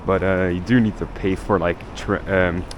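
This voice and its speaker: A young Belgian man, Dutch being his native tongue, vlogs his travels from a city street in a casual, rambling manner with occasional swearing. His voice sits low and steady at normal speed, and faint street noise is in the background.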